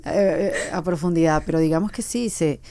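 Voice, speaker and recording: A woman's voice: lowish voice, normal speed, mellow, no echo. A woman hosting an interview, conversing casually and affirming her guest. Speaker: host.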